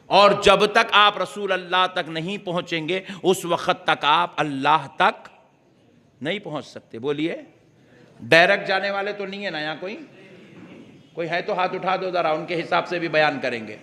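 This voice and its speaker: A man preaching a fervent sermon to a gathering, building repeated refrains that rise to shouts. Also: high voice. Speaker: Islamic preacher. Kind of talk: impassioned sermon. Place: religious gathering with a live audience. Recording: long hall reverb.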